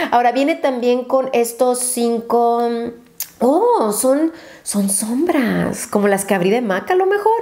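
A woman's voice: on the high side, darkish tone. A woman, a beauty YouTuber talking chattily and gushing through a casual unboxing haul, dropping English exclamations.

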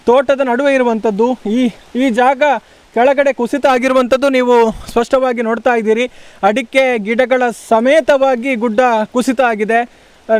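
High-voiced man reporting on location. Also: clean tone, dry recording. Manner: earnest, explanatory, pointing things out to viewers. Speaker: field reporter. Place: outdoors on a hillside plantation.

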